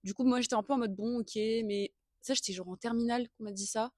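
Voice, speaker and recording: A woman's voice: fairly high pitch, fairly even intonation, fast talker, no echo. Young female co-host, early twenties, giggly and slangy, casual storytelling, close dry sound. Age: early 20s. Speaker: podcast co-host. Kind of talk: casual chat, personal storytelling.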